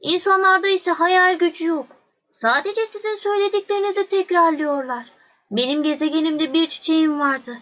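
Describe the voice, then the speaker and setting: Little Prince, a woman voicing a high gentle boy. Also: normal speed, muffled recording. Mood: wistful.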